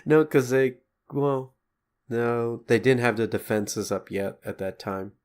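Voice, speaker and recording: A man co-hosting a casual podcast, relaxed and skeptical, laughing easily as he pushes back on his partner. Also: medium pitch, measured pace. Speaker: podcast co-host.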